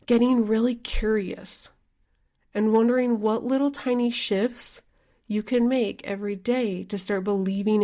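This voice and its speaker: A woman's voice: medium pitch, dark tone. A woman hosting her own podcast as a life coach, talking candidly and casually in a solo monologue, filling her speech with "like" and the odd swear word. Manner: chatty, frequent "like" fillers, candid with mild swearing.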